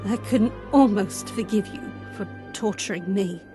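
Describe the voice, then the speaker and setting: An actress in an audio drama playing a young princess, wounded, bitter and defiant, with an indignant, emphatic delivery. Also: female voice, mid-range voice, unhurried, lightly acted. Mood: bitter, accusing. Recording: music behind the voice.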